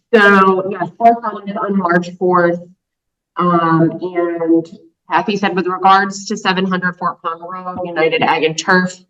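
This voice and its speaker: A woman reporting at a public board meeting, her voice fading in and out over a remote call, with hesitant pauses and fillers. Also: fairly low pitch, fairly bright tone, muffled recording. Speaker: town health office staff member. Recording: distant, cutting-out call audio.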